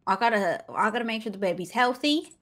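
Giggly woman, high pitch, bright sharp tone, playful gaming banter. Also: lively intonation, fast talker. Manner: giggly, screams at in-game dangers. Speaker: gaming co-host.

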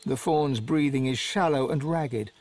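A man narrating a game story in an expressive, dramatic scripted style. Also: medium pitch, a little slow, lightly acted. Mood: calm. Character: male storybook narrator, vivid.

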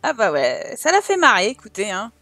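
A young woman streaming a let's play of The Sims gives casual commentary, talking to her characters and swearing at the game in exasperation. Her medium-pitched voice swings hugely in pitch, fairly quick, bright, and forceful.

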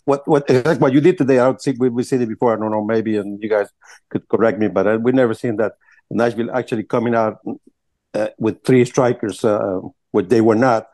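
A reporter asking a long, halting question at a press conference, repeating words as he goes. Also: medium pitch, steady tone, mellow, no room sound.

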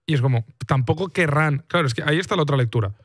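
A man from hosting a casual esports podcast, animated, and acting out what people say in quick bursts. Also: fairly high pitch, no echo, studio quality. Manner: rapid, animated, acts out quoted reactions.

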